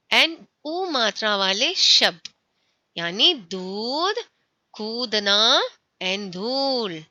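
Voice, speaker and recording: A woman teaching a school Hindi lesson, saying words slowly, repeating them and often checking that her students follow. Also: medium pitch, sharp tone, no echo.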